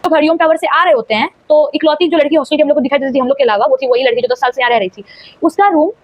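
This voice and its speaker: A young woman races through a spooky personal storytime in a high voice, piling up repeated phrases for emphasis. The sound is dry and close, a little dull, as if from a modest home recording. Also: racing, no room sound. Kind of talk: casual storytime.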